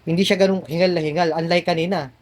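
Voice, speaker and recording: There's crowd noise around a spiritual healer who talks quickly in a fairly high, steady voice. Indoors during a healing session, he explains to his patients, repeating himself while coaxing and reassuring them.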